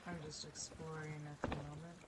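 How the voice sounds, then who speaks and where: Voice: mid-range voice, little pitch movement, moderate pace, very noisy. A game streamer commenting casually on their playthrough, joking at their own expense. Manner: playful, self-mocking. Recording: gameplay capture with music. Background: game music.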